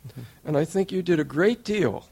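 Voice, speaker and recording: Older guy, gravelly voice, earnest formal tribute, point by point. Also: fairly high pitch, lively intonation, warm tone. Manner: measured, earnest, lists points in order. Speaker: interviewer.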